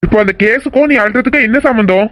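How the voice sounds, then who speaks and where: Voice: mid-range voice, fairly bright tone, no room sound, lightly acted. A performer voicing a headstrong, defiant young male doctor who speaks assertively. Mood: firm. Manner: assertive, quick. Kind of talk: audio drama acting.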